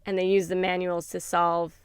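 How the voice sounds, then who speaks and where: A woman's voice: fairly low pitch, little pitch movement, normal speed, clear, resonant tone, dry recording. A woman co-hosting a book review podcast, retelling a story in a chatty way with lots of fillers. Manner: chatty, many fillers, laughs while retelling. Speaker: podcast co-host. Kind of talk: casual book review chat.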